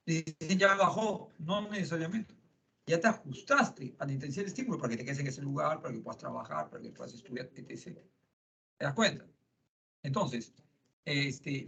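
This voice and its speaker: A man's voice: fairly high pitch, fairly bright tone. A middle-aged man giving a psychology lecture in a classroom, conversational and full of tag questions. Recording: lo-fi classroom recording.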